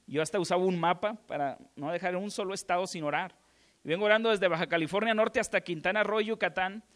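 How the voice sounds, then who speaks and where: Mexican guy preaching, high voice, gets fired up then goes quiet. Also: quick pace. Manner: impassioned testimony, swinging from hushed to shouting. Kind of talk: sermon.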